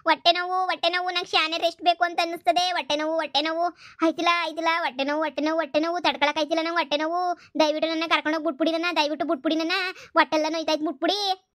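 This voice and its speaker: A woman voicing a scheming, bossy village mother-in-law in a cartoon comedy, scolding and wailing loudly. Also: very high-pitched, flat delivery, very fast, dry recording, clean studio sound. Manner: bossy, scolding, wails theatrically.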